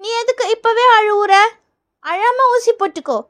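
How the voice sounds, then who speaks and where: A woman voicing a patient, gentle school nurse who calms scared children, in a doll play. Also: very high-pitched, moderate pace. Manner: soothing, patient.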